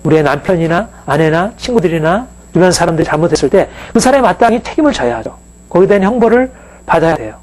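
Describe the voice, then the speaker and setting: Higher-voiced male pastor preaching. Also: very animated, quick pace, darkish tone, poor audio. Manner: conversational preaching with frequent fillers and rhetorical questions. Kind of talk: sermon.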